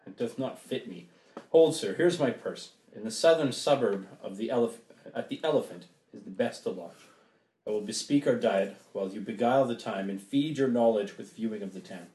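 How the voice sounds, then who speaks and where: A man voicing a wary, loyal sea captain in hiding in an amateur play reading, speaking low and hushed. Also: brisk, close to an everyday voice. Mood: guarded. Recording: echoey room.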